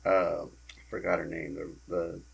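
A man in a casual podcast chat, halting and searching for words. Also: low voice, little pitch movement, gravelly, breathy edge.

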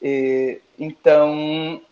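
A man's voice: on the high side, flat delivery, very slow, dark tone. Man, drag queen, campy chat, roomy, muffled sound. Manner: campy, playful, uses drag slang. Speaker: drag queen guest, competition winner. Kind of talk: casual interview chat.

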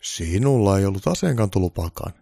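A man playing a calm, blunt old Santa Claus in a comic audio story. He speaks firmly and matter-of-factly with a gravelly, dark timbre, and the sound is dry and close. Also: low-pitched, dry recording, exaggerated voice. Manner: dry, matter-of-fact, firm.

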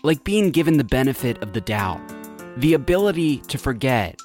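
A man in his twenties narrating a scripted documentary story in a measured, reflective way. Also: medium pitch, sing-song, darkish tone, soft background music. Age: 20s. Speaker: narrator and reporter.

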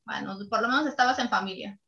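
A woman's voice: a little high, fast, highs cut off, crowd noise. A woman hosting a casual radio talk show, chatty and laughing often.

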